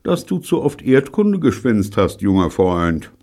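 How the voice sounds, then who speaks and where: A man's voice: lowish voice, sing-song, unhurried, dark tone, pitched above the performer's own voice, exaggerated voice. Bunny, a pompous boy captain, as a man puts him on. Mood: haughty. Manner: haughty, lecturing.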